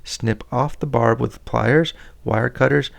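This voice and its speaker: A man reads a first-aid manual aloud in a steady, unhurried way, now and then stumbling and restarting a word. His voice sits at a middle pitch and carries a strong gravelly fry throughout. He breaks off briefly to comment on the text. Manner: plain, steady read with small slips and restarts. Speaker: reader of a scout handbook.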